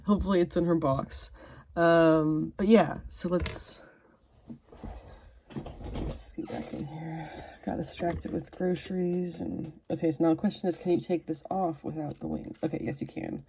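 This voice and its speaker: A woman's voice: on the low side, fairly even intonation, normal speed, vocal fry, mellow, a little hiss or hum. A woman reviewing and unboxing a collectible figure in casual, self-deprecating chat, drifting into whispers while she fiddles with it. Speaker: toy reviewer.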